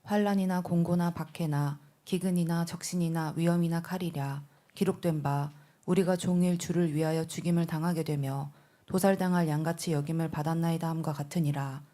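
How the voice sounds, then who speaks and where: A woman reading scripture aloud during a church service in a measured, solemn way. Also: sits low, steady tone, mellow.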